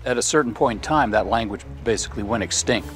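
A man with a lowish voice explains in a measured, informative way. He sounds like an expert. Faint music runs underneath. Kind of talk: explanatory interview.

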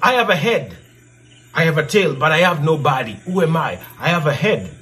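A man, middle-aged, telling stories and posing riddles in a theatrical way, repeating his questions with drawn-out emphasis. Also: a little high, lively intonation, heavy background noise. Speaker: storyteller and channel host. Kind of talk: interactive storytelling, posing riddles to children. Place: indoor room with brick wall backdrop.

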